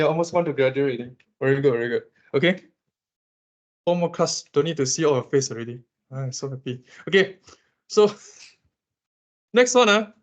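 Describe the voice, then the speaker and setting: A Malaysian man lecturing his class on economics, animated and teasing as he quizzes students. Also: a little high, muffled recording. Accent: Malaysian English.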